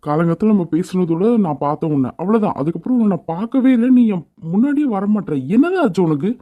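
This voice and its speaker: A man's voice: high voice, animated, fast. A man voicing a caring young house owner in a cartoon, who keeps pressing for the truth. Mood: coaxing. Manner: insistent, coaxing questions. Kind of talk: cartoon dubbing. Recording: dry, phone-like sound.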